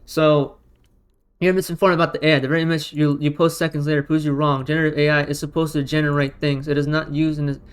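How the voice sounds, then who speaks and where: Here a man's fast, clean voice runs a bit high and stays level in tone. He's an online video commentator, originally a Romanian or Russian speaker, firing off exasperated, combative counterarguments full of emphatic rhetorical questions.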